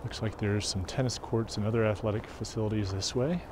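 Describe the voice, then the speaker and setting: On the low side and steady in tone, this walking tour guide's voice moves briskly as he crosses a snowy campus, thinking aloud and uncertain of building names. Recorded on a camera he carries, the audio has wind and traffic noise throughout.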